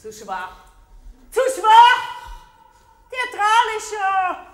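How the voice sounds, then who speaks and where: Hammy, very high-pitched opera diva. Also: female voice, big pitch swings, slow, fairly bright tone, a little hiss or hum, heavily acted. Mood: indignant. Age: middle-aged. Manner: hammy, declamatory stage acting with sung flourishes. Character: imperious, delusional, theatrical ageing opera diva. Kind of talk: theatrical stage drama. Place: large dark theatre stage. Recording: echoey theatre hall with long reverb.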